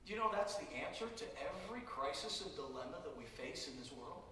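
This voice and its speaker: Emphatic pastor preaching in an echoey hall. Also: male voice, on the high side, animated, fairly quick, distant mic, a little hiss or hum. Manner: emphatic, rising to loud repeated lines. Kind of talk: sermon. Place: large church sanctuary.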